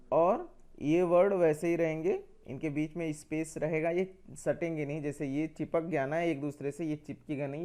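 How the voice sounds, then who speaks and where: Dark-voiced man teaching a grammar lesson. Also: on the high side. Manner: explains step by step, asks questions and answers them himself; repeats points for emphasis.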